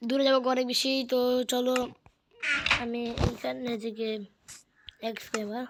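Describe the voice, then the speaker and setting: A woman, giving excitable casual commentary while playing a video game. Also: a little high, unhurried, very noisy. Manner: excitable, keeps saying "bhai". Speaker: gamer streamer.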